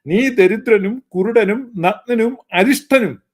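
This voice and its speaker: Man, preacher, high-pitched, fervent and scolding, repeats his points. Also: slow pace. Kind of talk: sermon-style critique.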